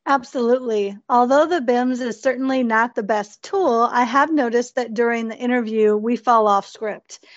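A woman's voice: a little high, moderate pace, few pauses, no room sound. A woman hosting a scripted educational podcast interview in a formal, explanatory manner. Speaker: podcast host. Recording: dull, lo-fi podcast audio.

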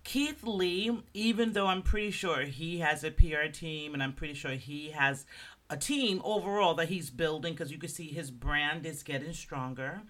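A man hosts a solo podcast of casual commentary, speaking loosely and conversationally and frequently checking in with listeners. His voice is a little high and a bit bright, at normal speed.

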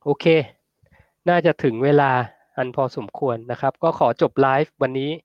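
A man hosting a casual livestream, chatting and answering viewer comments in a relaxed, friendly way. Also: medium pitch, normal speed, highs cut off, a little hiss or hum. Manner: relaxed, chatty, ends phrases with polite particles. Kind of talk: casual livestream talk on health.

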